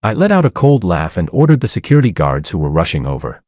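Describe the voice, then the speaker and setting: Deep-voiced man narrating a drama story. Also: sing-song, fast, a little mellow, no echo, clean studio sound. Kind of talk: scripted first-person story narration.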